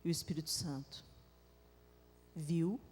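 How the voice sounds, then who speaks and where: A woman's voice: deep voice, steady tone, unhurried, darkish tone, slight background noise. A woman with a Brazilian accent giving an emotional live sermon in a church, telling a story that swells into tearful outbursts. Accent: Brazilian Portuguese. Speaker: preacher. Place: large church hall. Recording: live church recording with long reverb.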